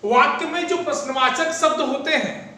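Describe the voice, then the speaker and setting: A man's voice: extremely high pitch, normal speed, sharp tone. A male teacher lecturing a class, often checking whether his students follow and calling them fondly as children. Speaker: Hindi teacher. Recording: very echoey room, faint background noise.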